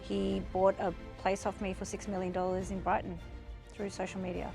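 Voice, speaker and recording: A woman's voice: medium pitch, flat delivery, normal speed, gravelly, over music. A woman with an Australian accent, a real estate agent, earnestly telling an audience a sales story. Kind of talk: speaking to an audience.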